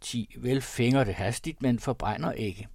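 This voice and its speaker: A man's voice: medium pitch, creaky, darkish tone, no room sound, studio quality. Man reading classic prose aloud. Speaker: narrator.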